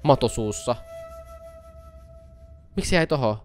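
An excitable young man reacts live to short animations, gasping and calling out to what he sees. His voice swings widely up and down in pitch, at an ordinary middle height. Faint music plays underneath. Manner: excitable, gasps often, talks to the screen. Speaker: YouTuber host.

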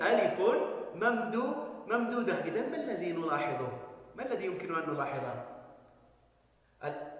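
A male primary school teacher with a Moroccan accent, giving a dictation lesson to young pupils and stretching out key words slowly and with emphasis. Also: high-pitched. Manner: slow, emphatic, drawn-out syllables, frequent praise. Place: classroom. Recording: very echoey classroom with long reverb.

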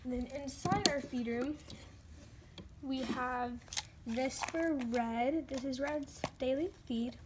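Taking it slowly, a woman with a high voice lists the contents of her toy horse barn in a relaxed, chatty tour, sometimes speaking softly or whispering. Recorded on a handheld phone by the unseen speaker in a carpeted home room, it carries heavy background noise.

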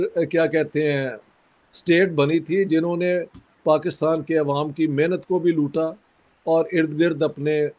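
Man with a sore throat, measured. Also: a little high, darkish tone. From Pakistan. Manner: measured, critical, frequent pauses. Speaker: interview guest. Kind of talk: conversational interview.

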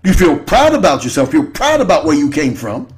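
With huge pitch swings and a slightly fast pace, a man on an internet radio show delivers an improvised political monologue. He is repetitive, returning again and again to rhetorical questions and "right?" tags.

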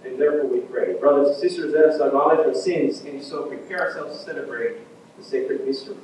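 A man serving as priest and leading a Mass in a large church, with a heavy cathedral echo. He moves from a relaxed, chatty greeting to formal prayer. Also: fairly high pitch, quick pace, slight background noise. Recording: muffled echoey church from far off.

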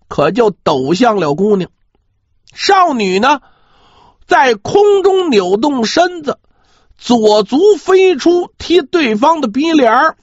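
A man performs dramatic traditional pingshu in a very high-pitched voice, slowly and animatedly. Drawn-out particles and rhetorical asides to the listeners run through his telling. The sound is roomy and faintly dull.

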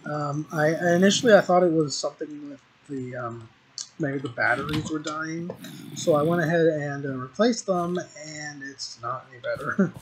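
A young man who makes gaming videos rambles casually while playing, full of ums and restarts, his voice fairly high and at normal speed. The home recording is noisy, with mouse clicks audible.

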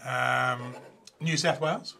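A man's voice: mid-range voice, fairly even intonation, slow, creaky, sharp tone. An Australian man hosting a casual wine show, chatting and joking with his guests. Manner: chatty, jokey banter. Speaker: show host. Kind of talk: casual chat.

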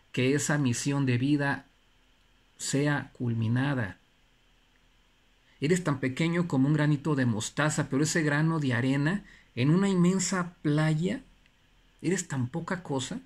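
A man giving an earnest, preachy motivational talk. He repeats phrases for emphasis and pauses between them. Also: mid-range voice. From Mexico. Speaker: motivational speaker.

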